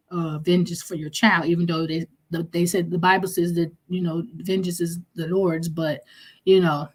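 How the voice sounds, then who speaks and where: Hosting a live stream, this middle-aged woman speaks in a mid-range voice. She welcomes viewers by name and reads their comments in a relaxed, chatty manner that frequently drifts off and restarts.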